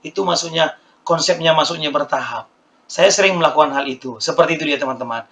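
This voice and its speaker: A hoarse man walking viewers through stock charts in a casual lesson, repeating his points and calling his audience friends. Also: a little high, fast, a bit bright. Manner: repetitive, keeps addressing viewers as friends. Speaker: stock market educator. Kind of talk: screen-share stock chart walkthrough.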